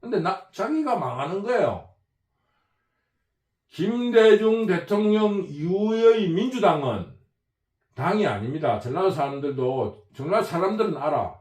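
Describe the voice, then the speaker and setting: A man's voice: a little high, darkish tone, roomy sound. Emphatic man. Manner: emphatic, repetitive, rambling. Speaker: political commentator. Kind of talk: opinionated political monologue.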